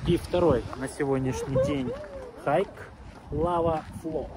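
A man's voice: on the high side, takes it slowly. Man vlogging on a windy desert hike. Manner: chatty, narrating to camera while walking. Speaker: family vlogger. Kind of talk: casual hiking vlog. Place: outdoors in a windy desert canyon. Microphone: camera held at arm's length. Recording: wind and outdoor noise behind.

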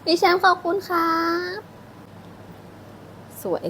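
A woman's voice: slow pace, background noise. A young woman hosting a casual live stream, giggling, teasing and thanking her viewers, slipping English phrases into her talk. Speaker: live-stream host eating on camera.

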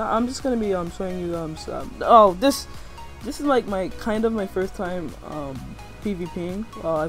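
Young guy rambling over a game, kinda high voice, lots of slang, hypes himself up, music playing behind him. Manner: rambling, slangy, self-hyping. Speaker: gaming video host. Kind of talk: casual gameplay commentary.

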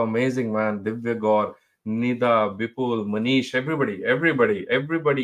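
Fast-talking North Indian male teacher. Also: medium pitch, fairly bright tone. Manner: encouraging, addresses students by name, often repeats phrases. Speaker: medical exam teacher. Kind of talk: live online exam-review lecture, mixing English and Hindi.

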